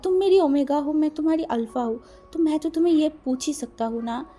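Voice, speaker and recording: A woman's voice: sits high, a little fast, warm tone, soft background music, natural voice. A woman playing an anxious, stuttering husband. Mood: tender. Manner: stuttering, pleading. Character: anxious, doting young husband, apologetic.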